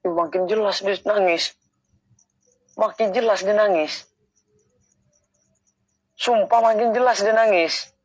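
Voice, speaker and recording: A man vlogging a ghost hunt in a cemetery at night, murmuring low, then calling out loudly into the dark, with muttered prayers. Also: slow pace, long pauses, no echo. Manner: alternates low murmurs with loud calls into the dark. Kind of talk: hushed live commentary.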